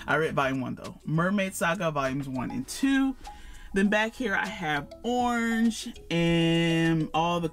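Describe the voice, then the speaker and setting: A talkative man with a slightly high voice walks through his manga shelves at home, rambling and correcting himself as he goes. He laughs at his own slips and keeps calling out to the viewers. Soft music plays faintly behind him. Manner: chatty, self-correcting, laughs at himself, addresses viewers as y'all. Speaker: manga collector vlogger. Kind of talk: casual collection tour.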